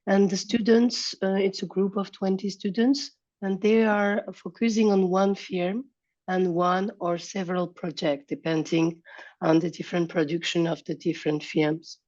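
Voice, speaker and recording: Lower-voiced woman professor, halting opener, muffled lo-fi sound. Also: steady tone, darkish tone. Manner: halting, with many fillers. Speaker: professor of landscape architecture. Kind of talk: introducing a class interview. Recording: dull lo-fi recording.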